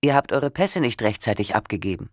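A narrator reads a man relaying bad news in a flat, matter-of-fact way, his middle-pitched voice steady. Dry, close recording without room echo. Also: brisk. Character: matter-of-fact male relative on the phone. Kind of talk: audiobook reading.

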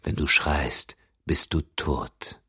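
A man voicing a calm, menacing killer in an audiobook thriller, speaking slowly and quietly. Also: rumbling low, husky, no room sound, studio quality, exaggerated voice. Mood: cold. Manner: slow, quiet, measured menace. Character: cold, smooth male killer, calm and menacing.

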